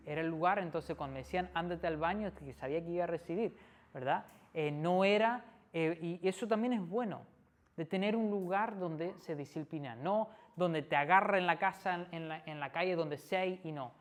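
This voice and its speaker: A man preaching in a conversational sermon, often checking in with the listener through tag questions and pausing with fillers. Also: a little high. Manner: frequent tag questions, hesitant fillers and restarts.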